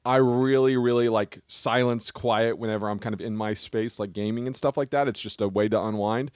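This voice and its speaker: A man co-hosting a podcast in casual chat, animated and quick to laugh at himself. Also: medium pitch, clear, resonant tone, no echo, clean studio sound. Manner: animated, laughs often, self-deprecating. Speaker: podcast co-host.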